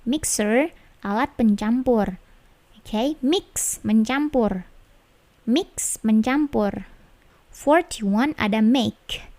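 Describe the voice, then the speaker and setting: A woman with a fairly high voice leads a children's English vocabulary lesson. She speaks very slowly, repeating every word and drilling its pronunciation with patient care. The recording is dry and close, with no room sound. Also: a little mellow, no room sound. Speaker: English teacher.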